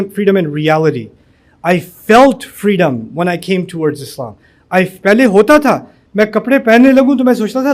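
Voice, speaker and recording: A man from Pakistan speaks to a university audience in a loose, storytelling way. His voice sits fairly high for a man. He slips English words into the flow as he talks. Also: darkish tone. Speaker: speaker addressing university students. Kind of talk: motivational talk.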